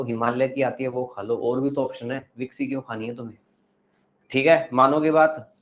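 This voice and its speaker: A man's voice: mid-range voice, dull audio. A male teacher lecturing a class, asking the pupils questions and giving advice.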